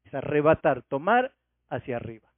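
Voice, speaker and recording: A man's voice: mid-range voice, very animated, moderate pace, dry recording. A man preaching a Sunday sermon, expounding scripture and asking rhetorical questions. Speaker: pastor. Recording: tinny phone-like radio sound.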